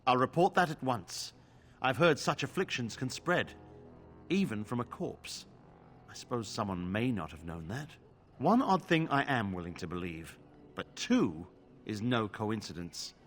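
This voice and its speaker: Grave devout knight. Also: male voice, medium pitch, lively intonation, measured pace, a bit bright, a little hiss or hum. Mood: solemn. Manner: grave, formal speech.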